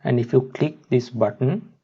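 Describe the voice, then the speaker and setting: A man talks through a software tutorial step by step, pausing often as he instructs, and his microphone sounds dull and muffled. His voice sits at medium pitch with a husky quality.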